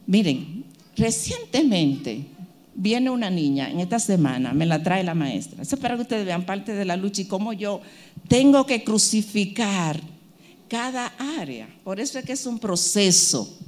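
A woman's voice: mid-range voice, sing-song, moderate pace, a little mellow. A woman preacher, delivering a sermon with emphatic repetition and acted-out quotes. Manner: emphatic, repeats phrases, acts out quoted voices.

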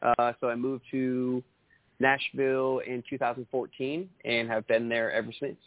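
A man from Maine chats as a singer-songwriter guest, relaxed and friendly. His mid-pitched voice is dry and thin, as if heard over a phone line. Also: normal speed, no room sound. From Maine, USA. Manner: friendly, laughing easily, relaxed. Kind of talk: casual interview answers.

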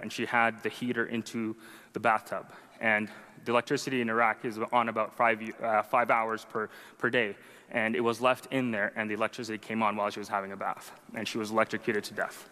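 This young man, a native Arabic speaker, gives his faith testimony in a fairly low, flat voice that is bright and forceful, moving fairly quickly. Long reverb trails behind him. He speaks to the audience in a chatty, self-mocking way with frequent "right?" asides.

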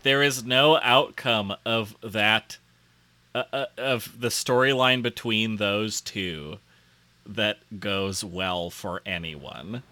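A man in casual podcast chat, speaking slowly and pausing often on fillers. His voice is bright and smooth, and the recording is close and dry. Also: fairly low pitch, no room sound. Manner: slow, hesitant, many fillers. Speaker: podcast co-host. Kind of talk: casual chat reviewing a TV episode.

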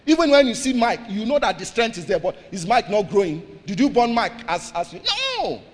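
A man with a high voice delivers a sermon in a church hall, with long reverb trailing each phrase. He calls out questions for the congregation to finish and repeats his key lines, swinging from loud proclamations to quiet asides. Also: lively intonation, a little fast, slight background noise. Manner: call-and-response preaching, repeats lines, swings between loud and soft. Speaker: pastor.

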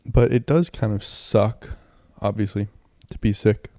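A young man with a phlegmy, sick throat rambles in a low-key way as he hosts a casual solo podcast into a close handheld mic. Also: a little slow, a little mellow, dry recording. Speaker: podcast host. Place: in bed, indoors. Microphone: handheld mic and audio recorder, close.

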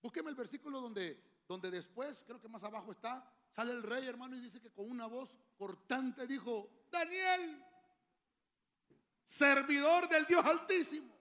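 A man preaching a sermon, emphatic and humorous, with sudden shouts, into a handheld microphone. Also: extremely high pitch, normal speed, few pauses. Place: church.

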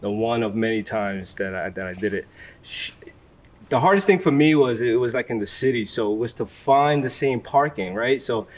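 A man's voice: mid-range voice, expressive, moderate pace. Man hosting a casual interview. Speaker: interview host. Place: large car warehouse.

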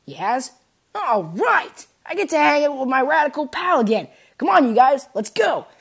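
A woman's voice: sits high, sing-song, moderate pace, creaky, pitched above the performer's own voice, exaggerated voice. A woman voicing a brash, tough girl bruiser who talks bluntly in a read-aloud fan story. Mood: excited.

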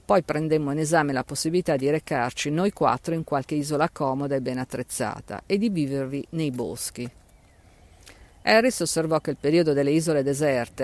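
A man narrating an audiobook with expressive, animated storytelling. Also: fairly high pitch.

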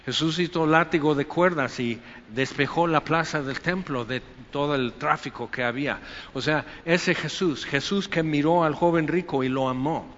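A man preaching a Sunday sermon in a conversational, animated way, often acting out quoted voices. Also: a little high, moderate pace. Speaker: pastor. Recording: echoey hall, dull lo-fi sound.

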